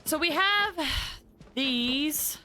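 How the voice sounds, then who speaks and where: High-pitched and animated, she draws out her words in a sharp tone, with soft background music underneath. The speaker is a woman streaming a game live, chatting casually and informally with her viewers in a rambling way.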